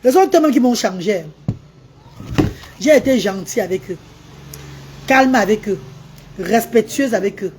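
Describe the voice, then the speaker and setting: A woman's voice: mid-range voice, unhurried, pauses often, a little hiss or hum. A woman hosting a casual live stream, talking to her viewers and coaxing a child beside her. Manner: animated, coaxing a child between remarks to viewers.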